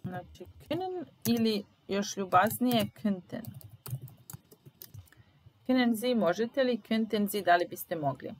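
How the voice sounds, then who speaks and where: A woman teaches German, sounding out each sentence slowly and repeating it so learners can follow. Her voice sits at a middle pitch, and the pace stays deliberate and patient. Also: animated, a little hiss or hum, rough recording. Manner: slow, deliberate repetition of phrases. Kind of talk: language lesson, translating sentences aloud.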